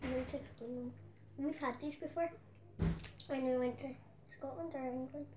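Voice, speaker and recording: High-voiced woman talking with candy in her mouth. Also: a little slow, recorded from a distance, noisy background. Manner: relaxed, chatty, trailing off mid-sentence. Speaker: vlogger co-host. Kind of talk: casual chat while tasting snacks. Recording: echoey room.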